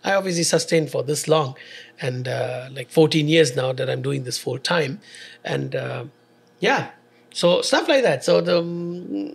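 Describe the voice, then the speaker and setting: A man's voice: fairly high pitch, animated, creaky, husky. A man, hosting a casual interview chat and mixing into his English. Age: 40s. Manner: fast-talking, switches into Tamil mid-sentence. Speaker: podcast host.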